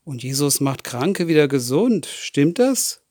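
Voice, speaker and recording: A man's voice: on the high side, big pitch swings, unhurried, darkish tone. A man telling a Bible story to children, often stopping to ask them questions. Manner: asks the listening children questions.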